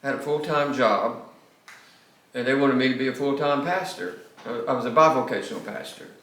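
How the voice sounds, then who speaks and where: A man's voice: medium pitch, fairly quick, a bit bright, distant mic, slight background noise. An older man, a pastor giving a classroom lecture with anecdotes, emphatic and often restarting his words. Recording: echoey classroom.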